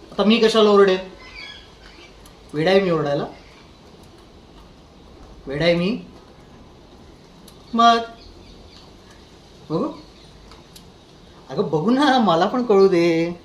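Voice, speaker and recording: A cruel, controlling husband, played by a man in a dramatic monologue. He talks with slow, deliberate menace in a fairly high voice, his soft taunting breaking now and then into sharp outbursts. Every word feels like a threat. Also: a little hiss or hum. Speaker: actor in an audition.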